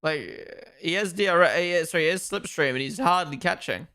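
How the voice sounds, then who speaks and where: A young man from Australia and New Zealand gives casual live commentary on a stream. His voice is bright and forceful with a gravelly edge, and it sits a little high. He is chatty and opinionated and often speaks straight to his viewers. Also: fairly quick. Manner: chatty, opinionated, talks to chat. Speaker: streamer hosting a race watchalong.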